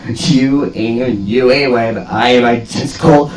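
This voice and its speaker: A man's voice: medium pitch, slow, darkish tone. A man delivering a mock-philosophical comedic rant in profane bro slang, with hammy, theatrical emphasis and swagger. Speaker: host of a comedic monologue. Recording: roomy echo, music behind.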